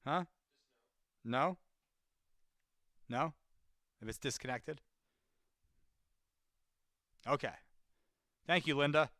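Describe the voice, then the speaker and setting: A man talks casually to an online audience between phone calls, his voice smooth and resonant. The sound is dry and close, with no room around it. He rambles loosely, restarting phrases and answering viewers as he goes. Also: a little high, extremely slow, long pauses, bright, forceful tone, no room sound. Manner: chatty, talks straight to viewers and answers chat; loose, full of fillers and restarts. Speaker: sales caller making live calls. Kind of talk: live-streamed commentary while cold calling.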